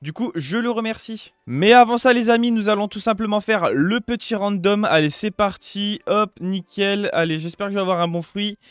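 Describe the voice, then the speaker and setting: A man's voice: sits high, moderate pace, hardly any pauses, a bit bright, smooth, no room sound. A young man giving casual, upbeat gameplay commentary, chatty and full of fillers, as a gaming youtuber at home on a close desk mic.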